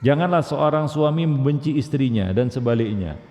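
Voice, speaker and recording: A man's voice: mid-range voice, lively intonation, moderate pace, darkish tone. A man giving a mosque lecture, asking his listeners rhetorical questions and often saying "ya, nah demikian". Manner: repeats filler "ya, nah demikian". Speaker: preacher. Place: mosque hall. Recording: echoey mosque hall, dull sound.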